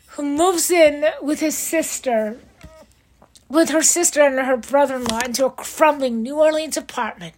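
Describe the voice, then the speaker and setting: A woman's voice: high-pitched, rough recording. A woman hosting an entertainment news podcast, reading a script in an upbeat, playful way. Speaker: host.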